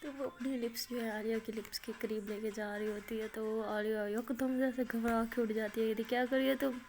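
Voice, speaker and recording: Woman casually telling a story, chatty, lots of fillers, slightly high voice. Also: steady tone, moderate pace, a little mellow. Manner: chatty, many filler words.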